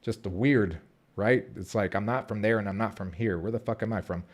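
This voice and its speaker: Speaking a little fast in a fairly low voice, a Colombian-born man in his thirties who grew up in Southern California vlogs casually to camera. He wanders from point to point, leans on fillers, and keeps starting sentences over.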